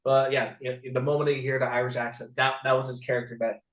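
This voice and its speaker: A male guest talks through a casual recap in a halting way, leaning on fillers and restarts. His voice sounds roomy, with a clear echo around it. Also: medium pitch, little pitch movement, fairly bright tone. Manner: halting, full of "you know" restarts.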